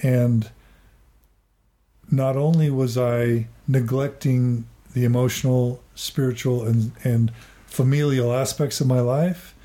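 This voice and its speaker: A man in his forties talks through a reflective interview with a mellow, warm tone. He speaks earnestly but haltingly, stumbling into restarts and repeated words as he gathers his thoughts, at a middling pitch. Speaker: therapist and podcaster.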